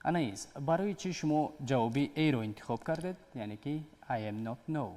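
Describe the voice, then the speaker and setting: A man's voice: medium pitch, dark tone. A man hosting a TV English lesson, patiently explaining grammar step by step. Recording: long hall reverb.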